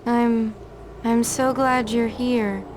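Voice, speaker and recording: An actress voicing a dazed woman fan in a video game, speaking in a flat, emotionless monotone, slow and halting with stalled repeats. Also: fairly high pitch, slight background noise. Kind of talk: video game character dialogue.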